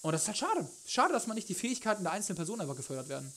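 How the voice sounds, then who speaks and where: A man's voice: sits high, big pitch swings, racing, a bit bright, slight background noise. Young man streaming, slangy and jokey. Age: young adult. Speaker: live streamer, cooking show host. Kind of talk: casual livestream chat while cooking, answering chat. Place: home kitchen, indoors. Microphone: headset.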